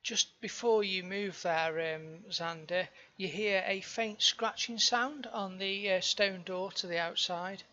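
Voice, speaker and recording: A woman with a bright, medium-pitched voice narrates a tabletop game as its game master. She feels her way through explanations. The sound is a little dull, like an online call. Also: slow, hardly any pauses.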